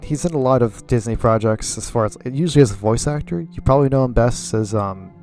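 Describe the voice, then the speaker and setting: A laid-back co-host in a casual movie podcast, trading dry jokes and swearing with easy laughter. The voice sits at a middle pitch. Faint music runs underneath. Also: a little fast, warm tone. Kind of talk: casual movie recap chat.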